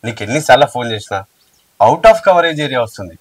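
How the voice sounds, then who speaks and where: A man's voice: medium pitch, expressive, fast, close to an everyday voice. A man acting a worried, apologetic young husband in a short film, soothing and pleading. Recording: distant mic with faint music.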